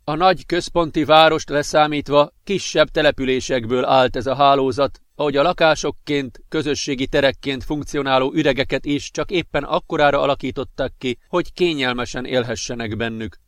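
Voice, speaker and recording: A man reading an audiobook as narrator in a steady, measured voice. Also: mid-range voice, no echo, studio quality. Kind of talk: scripted narration.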